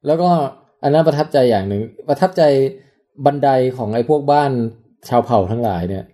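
Super low mellow voiced woman, casual podcast chat, lots of pitch swing, blunt and jokey. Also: brisk. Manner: expressive, swears casually, jokey asides.

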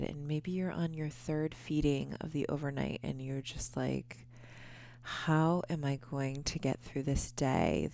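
A woman in her thirties hosting a podcast, talking quietly and half-whispering in a groggy early-morning voice at home, with many ums. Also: deep voice, creaky. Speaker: podcast host. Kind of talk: casual podcast monologue. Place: quiet home before dawn.

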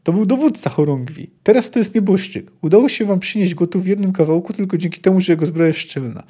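A man reading the lines of a sharp-tongued young female field medic who is sarcastic and indignant. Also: high voice, fast talker, breathy edge, voice pushed up.

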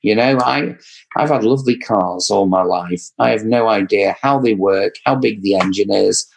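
In a low-quality recording, an English-accented man talks at normal speed in a lowish voice with vocal fry. He's a guest from a credit repair company, and his casual advice comes across as earnest and deliberately repetitive.

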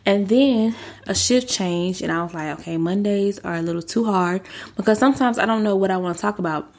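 Talking a bit fast in a darkish, deeper-than-usual voice, the young host of a faith-based podcast is six months pregnant and slightly breathless. Her manner with listeners is earnest and chatty, and she uses "y'all".

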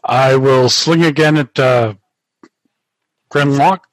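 A man with a mid-pitched voice plays at a tabletop game, explaining his moves in a mild, polite, slightly sheepish way. Faint noise sits behind him. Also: takes it slowly, rough recording. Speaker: player. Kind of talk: casual chat at a game table.

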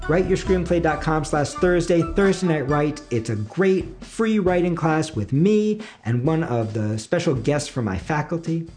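Faint music plays behind a fairly high-pitched, darkish male voice that moves a little slowly yet hardly pauses. He's a screenwriting teacher hosting a motivational podcast, speaking emphatically with repetition and regular rhetorical check-ins.

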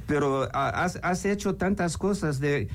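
A man's voice: fairly high pitch, unhurried, a little hiss or hum. A man hosting an informal radio interview in Spanish, rambling and often breaking off to search for words. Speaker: radio show host. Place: radio booth.

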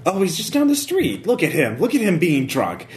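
Prudish, flustered village gossip woman, done by a man for a tabletop game, halting, very animated. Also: high voice, roomy sound, a little hiss or hum, voice pushed up. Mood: indignant. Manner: halting, scandalized, repeats words.

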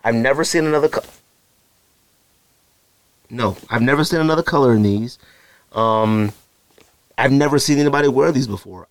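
Medium in pitch and recorded with no room sound, a middle-aged man hosts a solo sneaker show-and-tell podcast. He rambles casually, self-deprecating, filling gaps with ums and you-knows.

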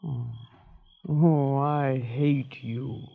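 An actress playing a nervous young nurse, stammering and evasive, in 1940s radio style. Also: female voice, rumbling low, fairly even intonation, drawn-out words, very noisy, exaggerated voice. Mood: flustered. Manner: flustered, stammering, breathy. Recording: muffled old radio broadcast.

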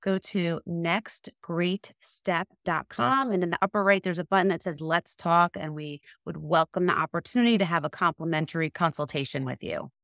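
A woman's voice: lowish voice, normal speed, hardly any pauses, fairly bright tone, no echo, clean studio sound. An American woman career coach talking conversationally as a podcast guest. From United States. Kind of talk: conversational interview talk.

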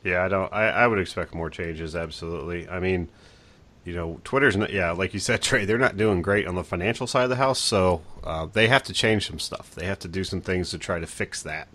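A man's voice: sits low, a little fast, fairly bright tone. A man hosting a tech podcast, chatting casually with easy laughs and plenty of fillers.

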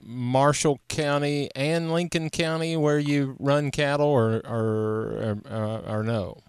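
Southern guy interviewer, clean smooth voice, kinda halting rambly questions, dry sound. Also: mid-range voice, steady tone, no echo.

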